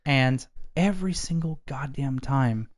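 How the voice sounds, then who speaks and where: A young man co-hosting a casual podcast chat, a little drunk, telling stories animatedly with loud exasperated outbursts. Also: mid-range voice, a little slow. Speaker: podcast co-host.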